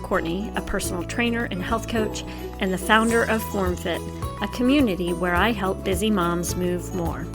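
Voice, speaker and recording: Chatty woman podcast host. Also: mid-range voice. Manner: chatty and animated, laughs while telling stories. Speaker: podcast host, personal trainer and health coach. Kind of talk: casual solo podcast talk.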